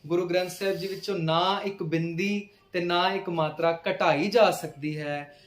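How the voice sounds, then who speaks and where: A man teaching how to pronounce scripture, reciting verses slowly and deliberately and then explaining them plainly. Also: sits high, steady tone, echoey room. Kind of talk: instructional talk with slow recitation.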